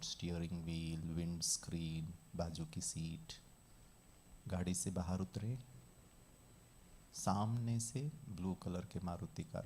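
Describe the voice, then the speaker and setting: Man slowly guiding a visualization. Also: sits low, a little hiss or hum. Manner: calm, measured instructions. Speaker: meditation trainer. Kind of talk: guided visualization session.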